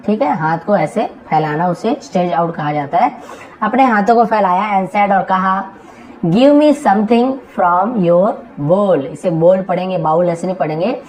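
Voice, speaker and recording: A woman leads an English lesson, reading each sentence slowly and breaking it down word by word. Her voice sits at an ordinary middle pitch, and she teaches in a steady, patient, explaining way. She keeps stopping to ask whether the point is clear. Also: slight background noise, rough recording. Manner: checks understanding with frequent questions. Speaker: English tutor. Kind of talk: translation lesson.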